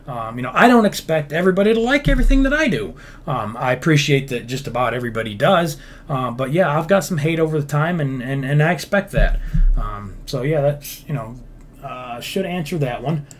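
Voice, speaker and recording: A man with a fairly high, lively voice talks briskly while hosting a casual livestream. He builds games, reads out viewer comments and answers them bluntly, swearing freely and rambling through plenty of fillers and restarts.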